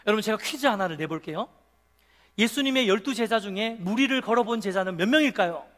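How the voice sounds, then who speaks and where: A man's voice: sits high, lively intonation, quick pace, fairly bright tone. A male pastor preaching to a youth congregation, telling a story with animation, acting out scenes and putting questions to his listeners. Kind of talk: sermon to a youth service. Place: church sanctuary. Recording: long reverb of a church hall.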